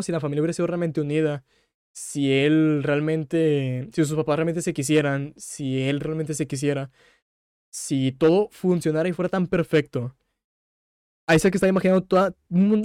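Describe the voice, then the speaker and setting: A young Mexican man speaks in a fairly high voice, hosting his own podcast. He retells a story at length and gets openly emotional, swearing now and then. The sound is dry and close, with no room echo. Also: dark tone, clear, resonant tone. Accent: Mexican Spanish. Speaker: podcast host. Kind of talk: casual solo podcast.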